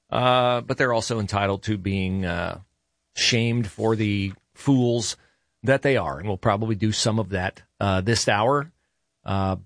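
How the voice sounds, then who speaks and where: A man with a fairly low, fairly bright voice hosts a talk radio show, recorded on a studio mic with clean studio sound and no echo. His conversational, opinionated monologue is full of fillers and self-corrections.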